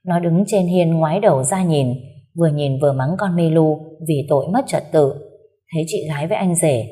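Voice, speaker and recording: A woman narrating a romance story aloud in a gentle, steady storytelling manner. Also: sits low.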